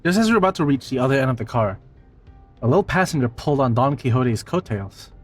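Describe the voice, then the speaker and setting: 一位男性在直播中朗读游戏剧情旁白，背景有轻微音乐。. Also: male voice, medium pitch, very animated, fast talker. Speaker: narrator. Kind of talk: narrating game story aloud on a stream. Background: faint music.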